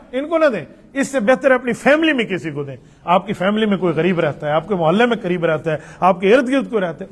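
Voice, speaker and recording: A middle-aged man, a mufti, answering religious questions in a patient, conversational way, weaving in personal anecdotes. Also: sits high. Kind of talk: religious Q&A with storytelling.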